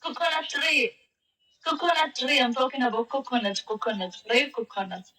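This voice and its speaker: A woman's voice: high voice, normal speed, pushed and bright, far from the mic. A woman chatting casually on a live-stream app, speaking in a playful, teasing manner. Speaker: language exchange chat partner. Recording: echoey and off-mic.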